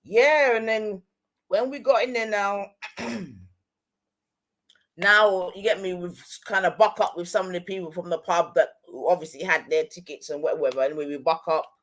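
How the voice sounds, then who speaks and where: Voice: mid-range voice, fairly even intonation, normal speed, fairly bright tone. Middle-aged London roadman storyteller, slangy. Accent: London, street slang. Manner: London roadman way of talking, slangy, frequent tag questions. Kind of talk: casual storytelling chat.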